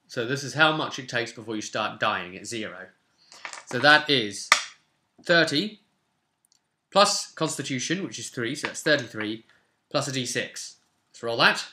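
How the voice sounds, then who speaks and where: Sitting at a desk in a small home room, a tabletop roleplay channel host in his twenties walks through game rules casually and reads sections aloud. His mid-range voice has lively intonation, and he speaks a little slowly with long pauses against a noisy background.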